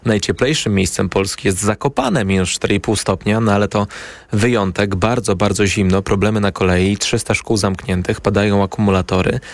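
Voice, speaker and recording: A man's voice: lowish voice, moderate pace, no echo. A man hosting a live radio programme, introducing the topic and guest.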